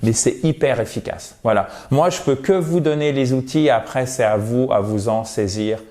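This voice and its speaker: A man's voice: medium pitch, a little mellow. A man teaching English pronunciation in a video lesson, encouraging and talking straight to his viewers. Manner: slow, drawn-out English model words; encouraging, addresses viewers directly.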